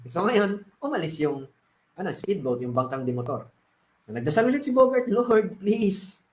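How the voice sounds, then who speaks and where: A male sales coach tells a parable to teach a lesson. He talks in a chatty way and often adds tag questions. His voice is high and the room is echoey. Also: big pitch swings, a little fast, a little hiss or hum. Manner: conversational, frequent tag questions. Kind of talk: storytelling lesson. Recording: roomy echo.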